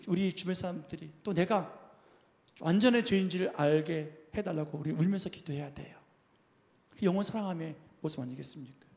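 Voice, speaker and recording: A man's voice: high-pitched, vocal fry, a little mellow. A male pastor preaching a sermon, emphatic and full of repeated questions to the congregation, in a church sanctuary. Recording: reverberant church hall.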